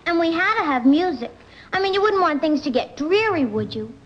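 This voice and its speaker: High-voiced, chatty teenage girl. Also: expressive, fairly quick. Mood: breezy, mock-innocent. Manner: breezy, mock-innocent understatement. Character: chatty, breezy teenage girl excusing her party. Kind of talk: 1960s TV commercial monologue. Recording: dull vintage TV soundtrack, faint music.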